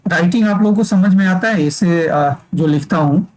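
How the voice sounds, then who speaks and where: A man's voice: sits high, normal speed, darkish tone, low-quality recording. A male teacher giving an exam-prep lecture, dictating points for students to write down and checking that they follow.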